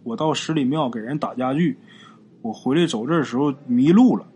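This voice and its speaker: A man's voice: medium pitch, normal speed, mellow, slightly rough, natural voice. A man voicing a frightened, stammering village carpenter who is lost at night, in a spoken ghost story. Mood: scared. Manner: timid, stammering.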